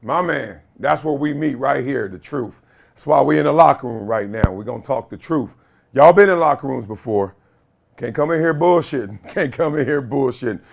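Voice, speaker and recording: A man's voice: medium pitch, lively intonation, normal speed, vocal fry. A man hosting a podcast, giving a casual opinion monologue in a conversational, slangy way with emphatic storytelling. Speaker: podcast host.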